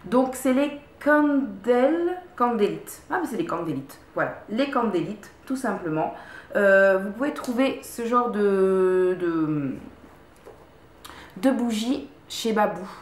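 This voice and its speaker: A woman's voice: medium pitch, expressive, slow pace, roomy sound. A woman vlogger casually reviewing her favorite products at home, chatty, repeating words and stopping to restart often. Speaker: beauty vlogger. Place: room at home.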